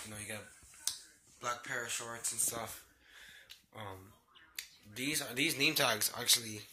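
Fairly low-pitched and sharp, a young man rambles hesitantly through a casual vlog in his little bedroom. He works on a theme park ride and is under the weather, nursing a sore throat and a cold sore. Held at arm's length, his phone or laptop picks up faint noise in this handheld recording.

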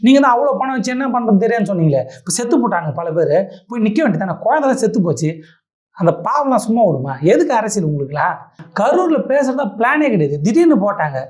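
Fast, heated woman ranting. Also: medium pitch, big pitch swings, darkish tone. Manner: heated, indignant, rhetorical questions. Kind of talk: angry political rant.

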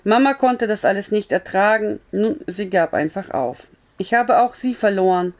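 A woman's voice: mid-range voice, expressive, normal speed, close to an everyday voice. A woman reading a story aloud, voicing a frank, blunt but comforting young woman in an earnest, raised voice.

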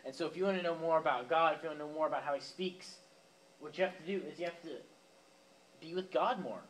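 Talking fast, a youth pastor gives a chatty sermon to teens gathered in a church youth room, addressing them directly with fillers and asides. His voice is fairly high and a bit bright, and the rough recording has slight background noise.

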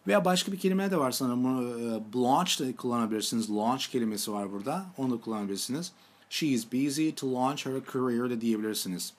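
Man teaching English verbs. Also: mid-range voice. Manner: slow, deliberate model sentences in English, repeats each form. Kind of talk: language lesson, explaining in Turkish.

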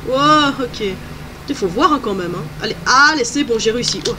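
A woman's voice: a little high, animated, normal speed, background noise. A woman doing let's play commentary, chatty and exclamatory, thinking aloud as she plays. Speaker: gamer.

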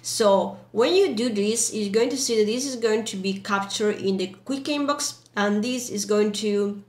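A young woman, a non-native English speaker, giving a casual step-by-step software tutorial in an informal, loosely phrased way. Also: mid-range voice, measured pace. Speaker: tutorial presenter. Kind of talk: casual screen-recorded software walkthrough. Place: indoor room. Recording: roomy, echoey voice track.

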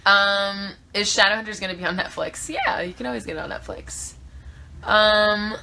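A woman's voice: mid-range voice, normal speed, gravelly, noisy background. A woman in her twenties from South Florida, answering fan questions in a casual live chat, with lots of thinking-aloud fillers, filmed on a phone held at arm's length in a small room. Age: 20s. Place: small trailer room indoors.

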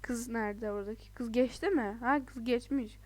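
A woman giving chatty, casual commentary while playing a video game, excitable, laughing often and exclaiming in frustration. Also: on the high side, moderate pace. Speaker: let's play gamer.

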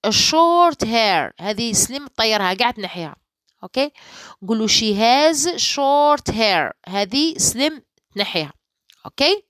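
A woman English teacher with an Algerian Arabic accent, going through an exam solution in dialect and slowly reading the English sentences, and often asking "okay?". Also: mid-range voice, fairly bright tone, dry recording. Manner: slow, careful reading of English sentences, then explaining in dialect; keeps checking with "okay?".

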